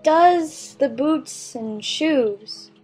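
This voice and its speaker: A woman's voice: high voice, lively intonation, drawn-out words, a little mellow, soft background music, full character voice. A woman voicing Alice, a polite, curious and slightly timid young girl, in a dramatized audiobook. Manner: polite, earnest, a bit timid.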